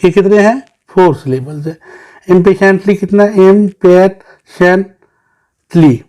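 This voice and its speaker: This Pakistani man speaks at a measured pace in a high-pitched, mellow voice. He teaches children English in a recorded lesson, breaking words patiently into syllables and blending English terms into explanations given in Hindi-Urdu.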